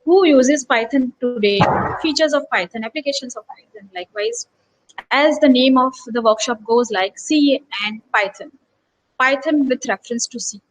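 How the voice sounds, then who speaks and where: Delivering an online workshop lecture, a Gujarati associate professor poses rhetorical questions earnestly, like a teacher. She has a high voice with lively intonation and talks at normal speed. The recording is low quality, with a little hiss or hum.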